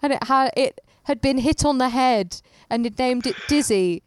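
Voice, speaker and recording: Smooth-voiced woman chatting. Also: high-pitched, normal speed, no room sound. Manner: chatty, playful, trails off with soft asides. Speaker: podcast co-host. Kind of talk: casual chat reviewing a baking show.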